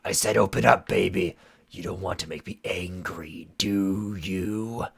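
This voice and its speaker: Figure: cold scheming sorceress woman, read by a man. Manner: sickly sweet menace, low and gravelly. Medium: fan fiction read aloud. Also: lively intonation, measured pace, fairly bright tone, heavily acted. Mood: menacing.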